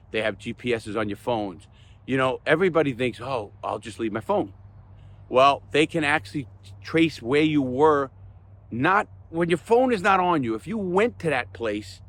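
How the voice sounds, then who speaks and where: A man's voice: medium pitch, fairly bright tone, slight background noise. An older man talking off the cuff to his viewers, emphatic and earnest, repeating points for stress in a plain-spoken way. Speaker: host of a crime stories channel. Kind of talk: unscripted talk to viewers.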